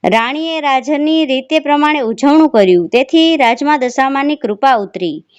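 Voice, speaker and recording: A woman reads a devotional folk tale aloud in a steady, storytelling way. Her voice sits high. She carries the characters' lines inside her own narration. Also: moderate pace, muffled recording. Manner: steady storytelling with quoted speech.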